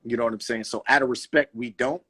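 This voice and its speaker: A man in a relaxed guest conversation with a mid-range voice. He talks with a lot of animation, often restarts his sentences and keeps checking in with "you know what I'm saying". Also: medium pitch, fast talker, breathy edge. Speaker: guest roller skater. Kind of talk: casual conversation.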